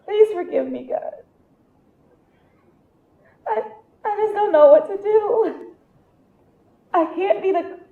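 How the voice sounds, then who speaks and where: An actress playing a troubled young wife who prays to God in a hushed, pleading way. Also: female voice, on the high side, slight background noise. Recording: tinny phone-like sound, echoey room.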